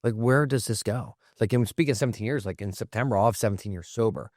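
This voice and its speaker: A man in his forties with a Central Pennsylvania accent, an earnest podcast host talking openly in quick bursts. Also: on the low side, darkish tone, no echo, studio quality. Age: 40s. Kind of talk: conversational interview.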